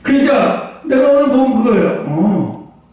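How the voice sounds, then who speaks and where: A man, a pastor, preaching a sermon to his congregation in animated bursts, swinging from loud outcries to low asides and asking the listeners question after question. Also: measured pace. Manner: speaks directly to the congregation with rhetorical questions. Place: church sanctuary. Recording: echoey church hall, mic at a distance.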